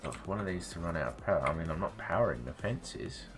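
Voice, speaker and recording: A man's voice: sits low, lively intonation, fast talker, music in the background. A middle-aged man streaming a game, rambling wryly between asides and swearing casually. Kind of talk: casual gameplay commentary.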